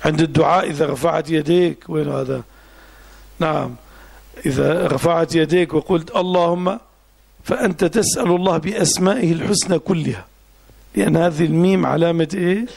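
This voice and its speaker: Gravelly husky sheikh teaching. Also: male voice, on the high side, a little mellow. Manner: explains slowly, repeats terms, punctuates with "na'am". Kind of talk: classical text lesson with explanation.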